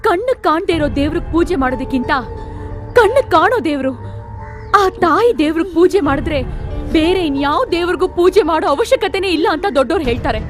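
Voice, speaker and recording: A fierce young woman lashes out in a very high, cutting voice. She scolds with open fury. Faint film music runs behind her. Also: animated, fast. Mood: furious. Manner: furious, scolding.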